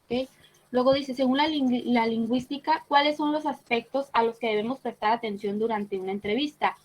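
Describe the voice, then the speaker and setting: A woman's voice: fairly high pitch, a little fast, poor audio. A woman teaching an online class, explaining patiently and checking in with short tag questions. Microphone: computer mic on a video call.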